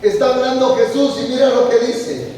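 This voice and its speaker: A man's voice: extremely high pitch, fairly even intonation, normal speed, a little mellow, a little hiss or hum. A man preaching a sermon as pastor, with emphatic rising and falling delivery, recorded from a distance in a large church hall. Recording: echoey hall heard from a distance.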